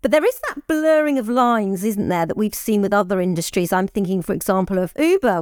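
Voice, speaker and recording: A woman's voice: mid-range voice, no room sound, studio quality. A woman interviewer asking long, layered questions in a conversational way.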